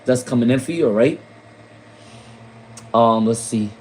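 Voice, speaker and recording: A man's voice: mid-range voice, unhurried, darkish tone, slight background noise, rough recording. A man from Rhode Island giving casual tarot readings on a live stream, repeating names and questions with many fillers. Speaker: tarot reader.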